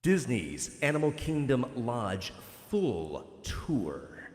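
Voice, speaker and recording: A man in his forties, a livestream host, announcing a title in a booming echo-effect voice with a slow, drawn-out delivery. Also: very animated. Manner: chatty, rambling, restarts often. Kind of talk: casual live chat reading comments.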